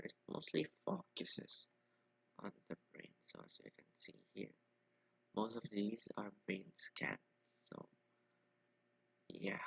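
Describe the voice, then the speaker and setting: A young man giving an informal lesson, halting with many restarts and fillers while he explains. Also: fairly low pitch, gravelly, a bit bright, breathy edge, no room sound, rough recording.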